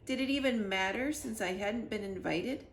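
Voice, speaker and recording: A woman reads a children's storybook aloud with lots of expression, at medium pitch and normal speed. The room is echoey, with a little background noise.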